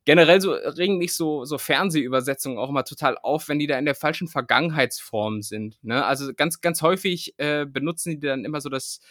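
German man, slightly high voice, dry close sound; rambling jokey chat. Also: a bit bright, no echo. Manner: rambling, jokey, quick laughs. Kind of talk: casual chat.

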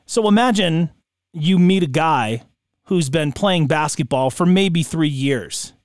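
A man's voice: fairly high pitch, expressive, slow, dry recording, clean studio sound. A man chatting casually about sports as a podcast co-host, with slangy bro talk.

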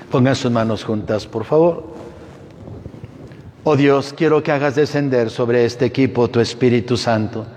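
Priest praying in long cathedral echo. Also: male voice, mid-range voice, a little mellow. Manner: solemn, measured delivery to a congregation. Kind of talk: liturgical prayer and blessing. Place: large church.

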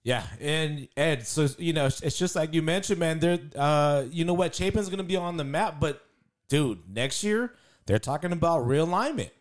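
A man's voice: fairly high pitch, expressive, moderate pace. A man co-hosting a casual sports podcast, laid-back and slangy as he runs through game scores. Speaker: podcast co-host.

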